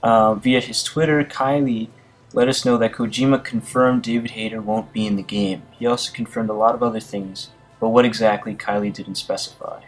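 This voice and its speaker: A man with a somewhat low voice talks through gaming news in a relaxed commentary style. He reads passages aloud and keeps stumbling into fillers and small restarts. Soft music plays faintly behind him. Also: moderate pace, low-quality recording. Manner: hesitant, frequent fillers and restarts. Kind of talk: casual news commentary, reading articles aloud.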